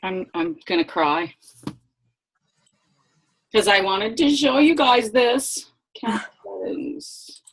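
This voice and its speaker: A woman's voice: mid-range voice, lively intonation, slow, pauses often, slightly rough. A woman leading a casual online sales training on a computer mic. She is flustered and apologetic, swearing under her breath, then chatty and encouraging. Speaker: team leader presenting a sales training. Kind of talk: casual live online presentation.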